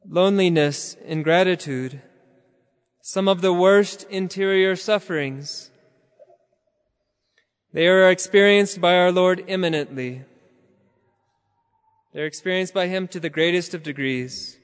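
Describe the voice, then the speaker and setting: A man preaching a sermon slowly and solemnly, sometimes half-chanting his phrases. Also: high-pitched, clean tone, big-room sound.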